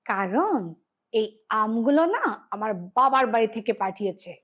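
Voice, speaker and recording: An indignant young daughter-in-law, played by a woman in a comic family skit, pressing with sharp, accusing questions. Her voice is high-pitched. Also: expressive, moderate pace.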